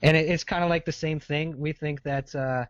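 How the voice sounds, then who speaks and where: Man, blunt casual podcast co-host, mid-pitched, dull dry lo-fi sound. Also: fairly even intonation, no room sound. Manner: blunt, opinionated, quick to laugh. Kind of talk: casual gaming podcast chat.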